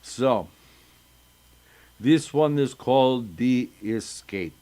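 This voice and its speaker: A man's voice: medium pitch, animated, very slow, mellow. An older man reading folktales aloud to children as a storyteller, chatty and breaking off into asides. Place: synagogue.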